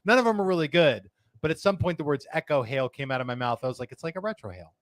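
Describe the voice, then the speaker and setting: A man's voice: fairly high pitch, animated, fast, dry recording. A man hosting a live cigar show, chatting casually, joking and reading viewer comments aloud. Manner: jokey, rambling, reads viewer comments aloud. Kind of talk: casual live-stream chat.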